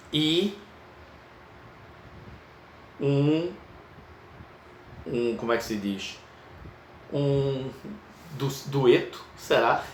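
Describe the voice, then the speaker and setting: A male teacher, giving a recorded lecture in an unhurried way, stretching key words and often asking "não é?". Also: mid-range voice. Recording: echoey room with faint ambient noise.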